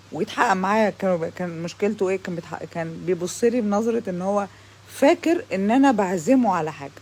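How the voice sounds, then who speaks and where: A woman's voice: medium pitch, a little mellow, slightly rough. A young woman with an Egyptian Arabic accent delivering a sarcastic, heated rant to the camera, slipping into English phrases now and then. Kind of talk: ranting monologue to camera.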